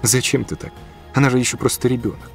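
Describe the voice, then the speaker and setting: A man's voice: medium pitch, fairly even intonation, fast talker, gravelly, faint music behind, voice pushed up, close to an everyday voice. A man voicing a chiding ghost woman. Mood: reproachful. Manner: soft, chiding. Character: gentle reproachful woman ghost companion. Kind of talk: audiobook character reading.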